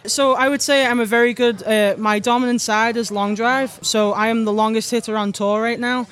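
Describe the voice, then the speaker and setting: A young woman from Liverpool, England, with a Scouse accent mixed with Irish, answers interview questions as a golf pro. Her voice sits on the high side with fairly even intonation, a moderate pace and a fairly bright tone, and she comes across chatty and upbeat.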